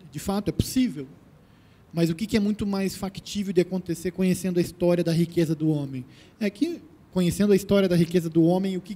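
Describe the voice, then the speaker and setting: A man's voice: sits high, dark tone. A man answering as a panelist at a conference, thoughtful and full of rhetorical questions. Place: conference hall.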